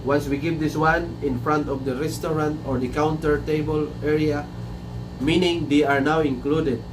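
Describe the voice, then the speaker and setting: Heard from a distance, this chef in his thirties has a fairly high, steady voice and speaks at normal speed with a Filipino English accent. Hailing from the Philippines, he hosts a relaxed livestream, chattering, repeating things, and switching into Filipino at times. He's in a small room indoors, where air conditioning hum fills the noisy background.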